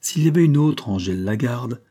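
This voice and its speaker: A man's voice: medium pitch, animated, a little fast, mellow, voice pushed up, lightly acted. A man reading aloud and voicing a frail, asthmatic old grandmother who speaks with earnest effort. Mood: pleading.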